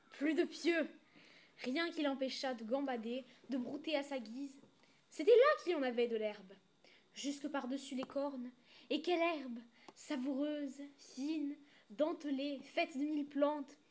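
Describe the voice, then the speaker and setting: A woman reading a storybook aloud in a clear, expressive way. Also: high voice, unhurried.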